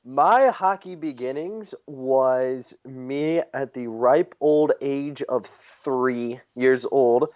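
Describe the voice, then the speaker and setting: A young man from the St. Louis area chats casually as a podcast co-host. He rambles through stories with plenty of "um"s and "uh"s. His voice has a middling pitch, and the recording sounds dull and lo-fi. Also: darkish tone, clear, resonant tone. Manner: rambling storyteller with frequent fillers. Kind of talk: casual chat.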